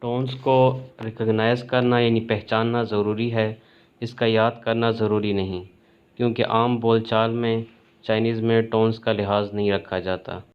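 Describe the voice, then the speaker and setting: A man teaching a language lesson in a calm, measured way, clearly spelling out each sound. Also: fairly low pitch, highs cut off. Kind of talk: slow explanatory lesson.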